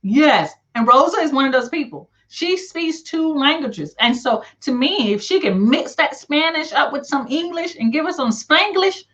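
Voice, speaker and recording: This livestream host is a middle-aged woman from the southern United States whose Southern country accent colors her casual, encouraging chatter as she reads live comments. She speaks at normal speed with hardly any pauses, her high voice expressive and fairly bright, using folksy, colloquial phrasing over dull, lo-fi audio.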